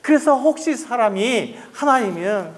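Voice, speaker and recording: Male pastor, high voice, earnest pleading sermon, acts out quotes. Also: lively intonation, a little slow, a little hiss or hum. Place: church family camp.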